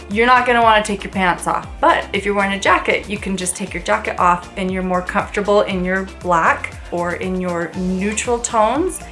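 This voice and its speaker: A woman's voice: mid-range voice, fairly bright tone. A woman in her thirties talking to camera in a sponsored family vlog, chatty and upbeat, speaking straight to her viewers. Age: 30s. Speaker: family vlogger.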